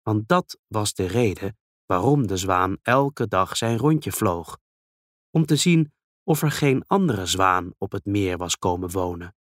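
A man reading a children's story aloud in a calm, gentle storytelling manner. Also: fairly low pitch, measured pace, dry recording, clean studio sound.

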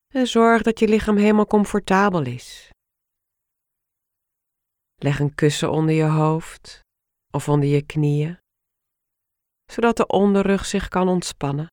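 Calm woman guiding relaxation, close dry sound. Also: on the low side, no room sound. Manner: calm, soothing, unhurried short instructions. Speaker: guided relaxation instructor. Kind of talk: guided relaxation meditation.

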